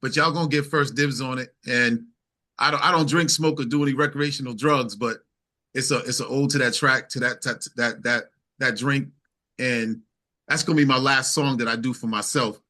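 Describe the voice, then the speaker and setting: A man from New York, here as a singer-songwriter guest in an interview, speaks at medium pitch with a steady tone that's pushed and bright. His casual speech is halting, with repeated words as he works through his thoughts out loud.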